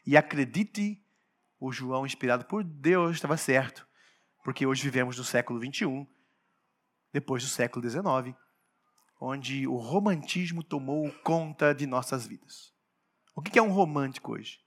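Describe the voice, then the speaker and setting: A man preaching a sermon, emphatic, swinging between quiet asides and loud declarations, often asking the congregation rhetorical questions. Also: medium pitch, normal speed.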